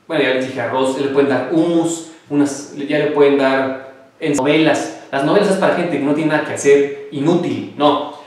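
A man giving casual natural-health advice, chatty and joking as he answers viewers' questions. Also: mid-range voice. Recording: echoey room, voice from far off.

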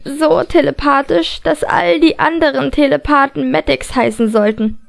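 A woman voicing a slow, dreamy young male telepath. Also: high voice, steady tone, vocal fry. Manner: slow, detached, riddling speech. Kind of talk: audiobook character voice.

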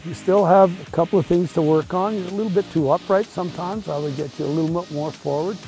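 A man's voice: high voice, fast talker, warm tone, soft background music, low-quality recording. A middle-aged man, a ski instructor, explaining things in a casual conversational way outdoors at a resort.

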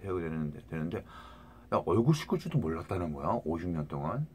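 Very low-voiced man rambling to viewers. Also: big pitch swings, fairly quick, darkish tone, slight background noise. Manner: rambling, many restarts, keeps asking "right?". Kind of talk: rambling casual monologue to viewers.

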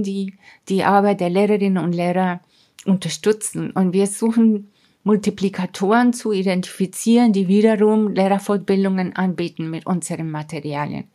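A woman's voice: medium pitch, darkish tone. Earnest woman explaining a science project. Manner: earnest, explanatory, with emphatic asides like "ja?"; non-native grammar slips in German. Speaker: astrophysicist and science educator, podcast guest. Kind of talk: explaining in an interview.

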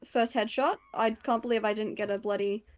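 A woman's voice: medium pitch, steady tone, fairly quick. A woman doing casual live gameplay commentary as an easily startled horror game streamer.

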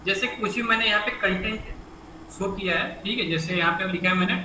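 A man's voice: high voice, fairly quick, background noise. Echoey male computer teacher. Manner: explains step by step, asks students questions, repeats "ठीक है". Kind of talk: online class teaching. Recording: echoey room mic from a distance.

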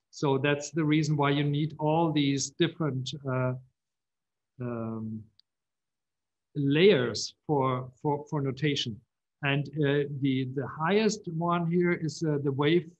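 A man giving a conference keynote on video call, halting and full of fillers and restarts. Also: on the high side, dull audio. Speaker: keynote speaker, composer.

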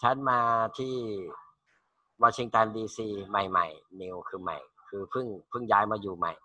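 A man's voice: deep voice, moderate pace, sharp tone, no echo, muffled recording. A man teaching English to school students in an online class, reading short English phrases and then translating and repeating them in Thai.

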